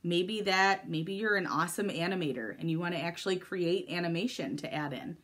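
A woman's voice: fairly low pitch, fairly quick, a bit bright. A woman teacher giving a recorded video lesson to middle schoolers, explaining step by step in an upbeat, encouraging way.

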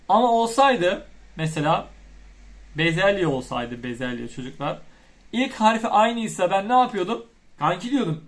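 A man teaching young children as their primary school teacher, chanting the alphabet and speaking to them directly in a lively classroom manner. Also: high-pitched. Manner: animated, chants letters, addresses children directly.

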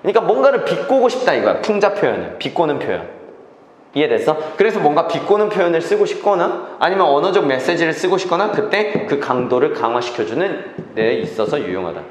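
A man teaches an English reading class in a fairly high, very animated, brisk voice. In this classroom lecture he checks in with students and repeats key phrases, and the classroom reverb is echoey.

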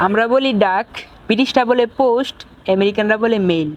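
A woman reading a scripted vocabulary lesson in a measured, deliberate way. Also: on the high side, slight background noise.

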